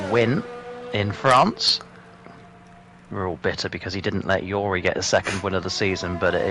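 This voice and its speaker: A man commentating a sim racing league broadcast, joking and laughing with his co-commentator. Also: low voice. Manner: jokey, laughs often, teasing banter. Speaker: race commentator. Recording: commentary over loud background music.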